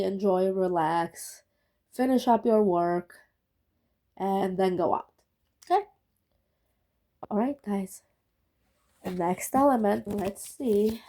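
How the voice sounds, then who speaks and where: A woman's voice: lowish voice, warm tone, low-quality recording. A woman who is sick gives a casual tarot reading to her viewers in a chatty way, often checking in with "okay?". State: sick, rough voice. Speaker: tarot reader.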